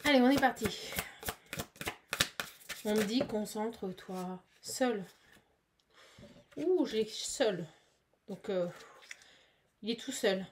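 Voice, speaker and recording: A woman giving a casual, chatty tarot card reading, animated and full of fillers. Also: fairly high pitch, slow, pauses often, a little hiss or hum.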